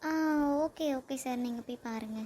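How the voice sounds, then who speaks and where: A woman's voice: on the high side, moderate pace, dark tone, slight background noise, lightly acted. A woman playing a polite young office coworker in a comedy sketch. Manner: polite, concerned.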